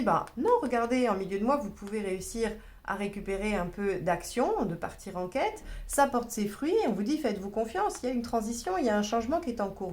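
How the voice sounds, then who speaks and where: A woman giving a tarot reading, talking in a casual, reassuring way and pausing often to find her words. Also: fairly high pitch, darkish tone. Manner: thinking aloud, many fillers, reassuring asides. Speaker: tarot reader.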